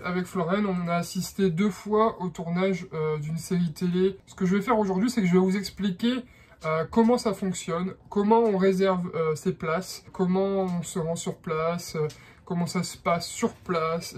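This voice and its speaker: A man's voice: high-pitched, normal speed. A man from France with a French accent, explaining a how-to in a hesitant vlog style with many fillers. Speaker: vlogger.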